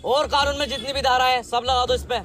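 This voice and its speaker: A man's voice: very high-pitched, little pitch movement. A man playing a sly, cowardly troublemaker in a comic spoof, whiny and fawning. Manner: whiny, fawning, quick to beg. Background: music.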